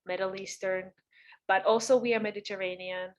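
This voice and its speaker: A woman's voice: medium pitch, steady tone, moderate pace. A young woman from Serbia co-hosting a podcast in casual chat, hesitant, with many fillers and "right?" tags. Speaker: podcast co-host.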